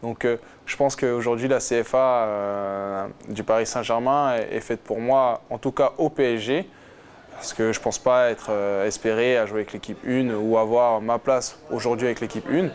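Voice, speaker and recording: A man's voice: mid-range voice, fairly even intonation, moderate pace, a little mellow, slight background noise. A man in his twenties, a football player, answering interview questions casually and hesitantly, with many fillers and restarts. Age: 20s. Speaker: footballer guest.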